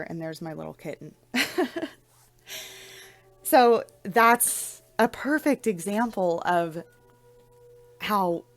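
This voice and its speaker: A young adult woman talking casually about spirituality in a soft-spoken way, often repeating words and restarting her sentences. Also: fairly low pitch. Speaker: spiritual vlogger. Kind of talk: casual spiritual talk to camera.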